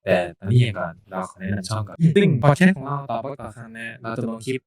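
A man's voice: medium pitch, rapid-fire. A man hosting a podcast, chatting casually and informally in a joking way. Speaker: podcast host. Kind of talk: casual podcast chat introducing a channel.

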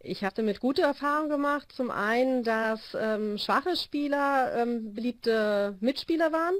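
Fairly high-pitched and unhurried, with no echo around her, a volleyball coach in her forties explains her training system while on a video call interview with a phone at her ear. She's indoors in a small room and hesitates a lot with fillers as she goes.

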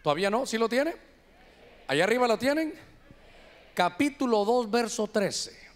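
Honduran pastor, high voice, animated sermon delivery in church, keeps calling out "hermano". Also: male voice, normal speed. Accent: Honduran Spanish. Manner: preaching to a congregation, animated, addresses listeners as "hermano".

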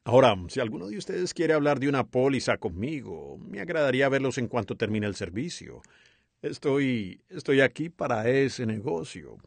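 A man reads a sermon dub with a lively, expressive delivery. His pitch moves a lot, and the voice is a bit breathy. The sound is dry and close. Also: normal speed, no room sound. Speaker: sermon interpreter. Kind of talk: dubbed voice-over of a sermon.

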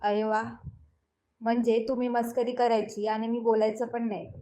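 A woman's voice: on the high side, flat delivery, normal speed, dark tone, lightly acted. Woman voicing an earnest young husband. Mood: irritated. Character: young husband, stern then tender. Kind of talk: audio story reading.

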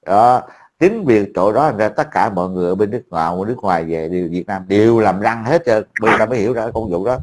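A man's voice: fairly low pitch, animated, fast. Blunt, profane man. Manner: blunt, profane and mocking, with frequent laughs. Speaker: online commentator. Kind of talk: casual talk to a friend.

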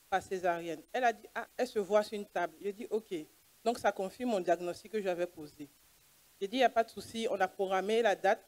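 A woman doctor shares an earnest church testimony, playing out the dialogue as she tells her story. Her voice sits in the mid-range with a slightly mellow tone.

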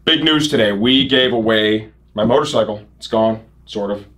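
A man's voice: fairly low pitch, normal speed, fairly bright tone. A man in his thirties presenting a casual sales promo as a shop show host, upbeat and punchy in his phrasing. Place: indoor shop set.

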